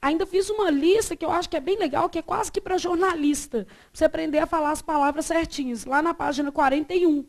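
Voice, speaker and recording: A Brazilian woman teaching a Portuguese class, quizzing her students and drawing words out slowly to show how they are said. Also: high-pitched. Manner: lively, asks the class questions and answers them herself; stretches words out slowly to model pronunciation. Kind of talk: classroom lecture.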